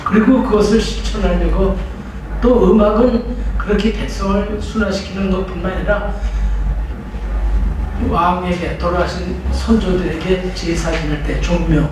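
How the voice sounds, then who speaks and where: A man's voice: high-pitched, fairly even intonation, moderate pace, recorded from a distance. An older man giving a public lecture as a professor, talking in a conversational way with restarts and rhetorical questions. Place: library training room. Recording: echoey room, voice from afar, noisy.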